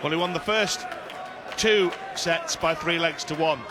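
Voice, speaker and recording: A man's voice: fairly high pitch, measured pace, crowd noise. A man doing live play-by-play commentary as lead commentator at a darts match. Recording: clear arena noise behind commentary. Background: noisy darts arena.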